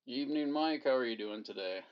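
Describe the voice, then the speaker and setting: A man running an amateur radio net as net control, heard over a radio transmission, steady and courteous with formal call procedure. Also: medium pitch, brisk, a little hiss or hum. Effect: heard over a ham radio transmission. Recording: dull lo-fi radio audio.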